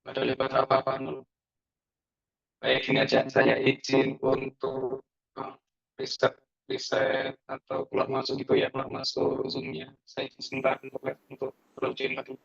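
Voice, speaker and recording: A man lecturing an online class, his voice coming through choppy and robotic over a bad call connection, halting and apologetic. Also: mid-range voice, monotone, gravelly, a bit bright. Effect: choppy robotic glitching voice from a bad call connection. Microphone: video call headset. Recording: dull lo-fi video call audio.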